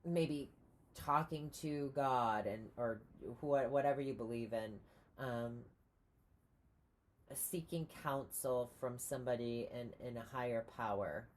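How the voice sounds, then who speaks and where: A woman giving a casual tarot reading, rambling with many pauses and restarts. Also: a bass voice. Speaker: tarot reader.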